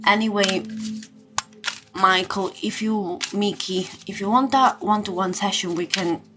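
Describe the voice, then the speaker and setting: With a medium pitch and fairly even intonation, a woman unhurriedly leads a casual live tarot reading as a spiritual coach. Music sits loudly under her voice, and she frequently searches for and repeats words.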